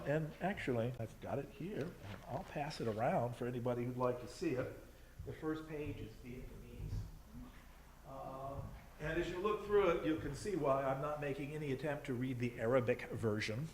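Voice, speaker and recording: A man's voice: medium pitch, normal speed, slight background noise. A man speaking casually and self-deprecatingly to an audience at a museum event, with hesitant fillers. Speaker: contestant reciting a speech. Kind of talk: casual spoken remarks to an audience.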